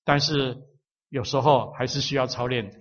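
A man preaching a sermon, teaching slowly and repeating phrases for emphasis. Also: medium pitch, steady tone, fairly bright tone, lo-fi sound. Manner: slow, emphatic repetition of phrases.

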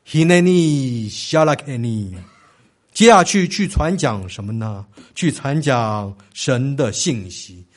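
A man's voice: medium pitch, lively intonation, slow pace, hardly any pauses. A man preaching a sermon, stressing key phrases and leading the congregation to repeat them after him. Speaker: pastor.

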